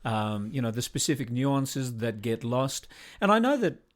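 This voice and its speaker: A man co-hosting a conversational podcast, halting and repeating words as he forms his sentences. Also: medium pitch, sing-song. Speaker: podcast co-host.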